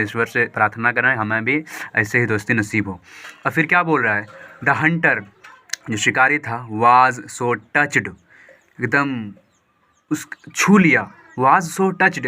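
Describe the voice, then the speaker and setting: Man, teacher, very bright sharp voice, slow careful reading, quick lively explanations. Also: mid-range voice. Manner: slow deliberate reading of English lines, then quick lively Hindi explanation. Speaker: English teacher. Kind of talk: reading a story aloud and explaining it in Hindi.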